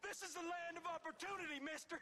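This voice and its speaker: A man's voice: extremely high pitch, fairly even intonation, fast talker, bright, forceful tone. An American man playing a mocking, menacing Western outlaw in a video game, with drawling, sing-song taunts. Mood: gloating menace. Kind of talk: video game cutscene acting.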